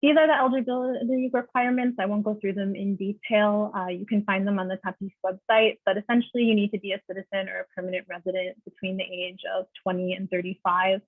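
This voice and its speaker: A woman giving a friendly, informative panel presentation on a video call, often pausing with "uh". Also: mid-range voice, fairly even intonation, no echo. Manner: friendly, informative, uses many "uh" fillers. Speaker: panelist presenting a teaching program. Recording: dry, phone-like video call audio.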